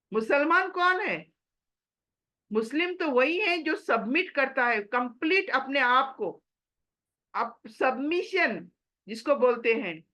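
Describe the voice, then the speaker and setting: A woman's voice: high voice, bright, forceful tone. A woman giving a religious lesson in an earnest, exhorting manner, slipping English phrases into her talk. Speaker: Quran teacher.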